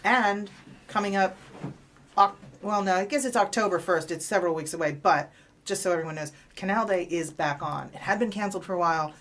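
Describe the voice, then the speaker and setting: A woman chatting casually as a guest on a local radio show, upbeat and quick to laugh. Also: mid-range voice, a bit bright.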